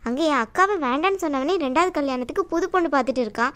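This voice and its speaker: A fiery, protective young sister in a cartoon, firing off indignant questions, voiced by a woman. Her voice sits high and sharp throughout. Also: animated, very fast. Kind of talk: cartoon voice acting.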